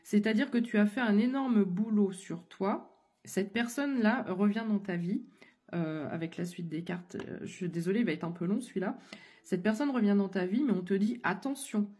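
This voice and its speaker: A woman's voice: mid-range voice, normal speed, dark tone, slightly rough. A woman giving a casual tarot reading, talking straight to the listener with lots of fillers and restarts, her voice still not fully back after an illness. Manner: hesitant, many fillers and restarts, addresses listener directly. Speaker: tarot card reader.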